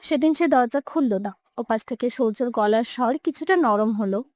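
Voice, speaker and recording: A woman's voice: fairly high pitch, moderate pace, a little mellow. A young woman narrating a romantic audio story with emotive, dramatic delivery. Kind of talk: scripted narration.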